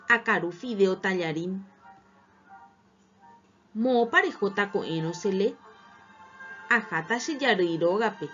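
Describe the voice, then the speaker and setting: A woman teacher narrating a scripted language lesson, reading slowly and articulating each word with care. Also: medium pitch, fairly bright tone. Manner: slow, careful, clearly articulated reading. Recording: dull lo-fi recording. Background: faint background music.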